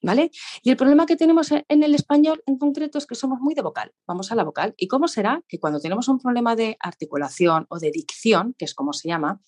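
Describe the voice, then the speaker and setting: A woman vocal coach explaining voice technique in a radio interview, lively and demonstrative, laughing often. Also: on the high side, quick pace. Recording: radio studio.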